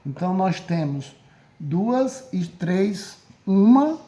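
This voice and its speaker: Patient Brazilian teacher, high mellow voice. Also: male voice, big pitch swings, slow. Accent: Brazilian Portuguese. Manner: patient, repeats and checks with "certo?". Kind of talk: recorded lesson for adult education students.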